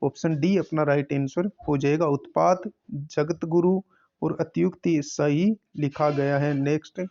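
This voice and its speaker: A man's voice: a little high, fairly even intonation, unhurried, creaky, mellow, muffled recording. A man teaching, working through an exam paper question by question and repeating each answer. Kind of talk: exam paper solving lesson.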